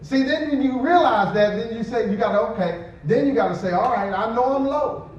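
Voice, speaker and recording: A man's voice: very high voice, brisk, lo-fi sound, a little hiss or hum. A man preaching a sermon as pastor, conversational, acting out quotes and chuckling as he goes. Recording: echoey church hall from a distant mic.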